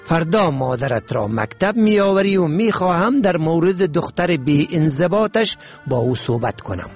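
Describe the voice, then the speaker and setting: A man voicing an angry woman schoolteacher with an Afghan Dari accent, scolding loudly in a read-aloud story. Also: on the high side, very animated, faint music behind, pitched above the performer's own voice. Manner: scolding, shouted reading.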